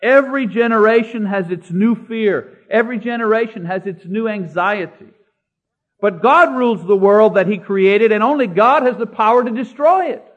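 A man preaching a sermon, slowing down to stress key words and citing scripture by chapter and verse. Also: sits high. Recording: dull lo-fi recording.

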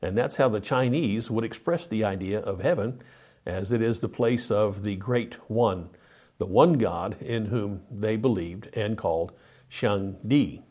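A man's voice: on the low side, a little slow, darkish tone, breathy edge. Man teaching a Bible study lesson. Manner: explains slides step by step, reads scripture aloud with emphasis.

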